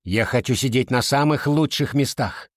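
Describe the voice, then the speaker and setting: A man's voice: mid-range voice, moderate pace, no echo, clean studio sound, lightly acted. A man voicing a snobbish, bossy schoolgirl in an audiobook, with a snappy, sneering delivery. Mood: snappy haughty.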